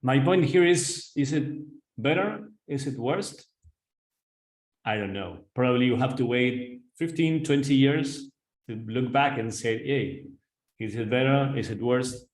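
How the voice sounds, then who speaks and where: Argentine-accented male executive coach, earnest webinar delivery, mid-pitched, roomy echo. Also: a little slow. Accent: Argentine Spanish. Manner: earnest, addresses audience directly, frequent "right?" tag questions. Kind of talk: webinar presentation.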